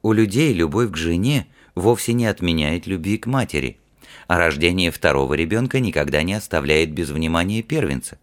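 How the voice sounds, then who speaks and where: A man's voice: low voice, animated, brisk. A man reading an audiobook, voicing a serious, plain-spoken ship's officer who is tired after a hard night. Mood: earnest. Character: earnest, weary male ship's officer and mage.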